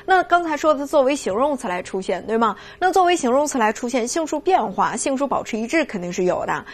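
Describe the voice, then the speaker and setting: A woman teaches vocabulary in a fairly high voice. She keeps asking rhetorical questions and drills each word slowly, twice over. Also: sing-song. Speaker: Spanish language teacher. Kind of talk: vocabulary lesson.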